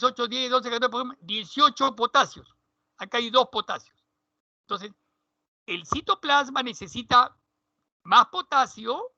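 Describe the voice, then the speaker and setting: A male teacher explaining a biology lesson, often checking in with students and repeating key terms slowly. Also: high voice, creaky, pushed and bright, no room sound. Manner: checks in constantly with "¿ya?". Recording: dull, dry lo-fi recording.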